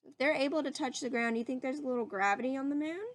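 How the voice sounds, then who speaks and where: A woman whose voice sits high reads a children's picture book with a teacher's animation, lengthening words and pausing now and then to ask the young listeners something.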